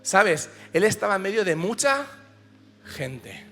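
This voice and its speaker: A male pastor preaching a passionate sermon in a church, swinging from hushed lines to shouts. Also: high-pitched, sing-song, slow. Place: church auditorium. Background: soft piano.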